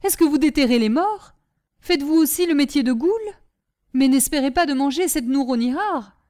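A woman voicing a frightened male servant who blurts rapid, panicky exclamations in a storybook reading. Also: high voice, a little mellow, voice pushed up, lightly acted. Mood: panicked.

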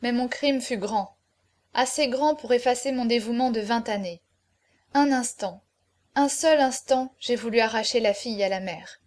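A woman voicing a noble condemned male hero, speaking in solemn, measured farewell speeches in an audiobook. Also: on the high side, a little mellow, close to an everyday voice. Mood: grave. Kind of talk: audiobook character reading.

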